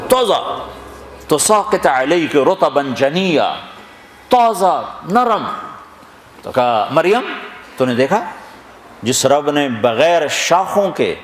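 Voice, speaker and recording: A man giving a storytelling sermon, retelling scripture dramatically and slowly reciting verses between the narration. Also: fairly high pitch. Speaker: preacher. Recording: echoey hall with long reverb, faint noise.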